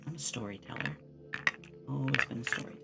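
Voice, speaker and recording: A streamer and VTuber host chats casually with viewers during an ASMR stream, speaking fast in a medium-pitched, creaky voice over a very noisy recording. They ramble like a storyteller and act out short quotes.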